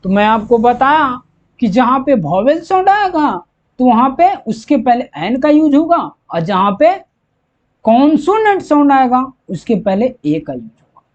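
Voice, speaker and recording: Speaking a little slowly in a high-pitched, very animated voice, an English teacher walks through grammar one step at a time. Each point gets repeated, and the teacher answers their own questions, on a dull lo-fi recording.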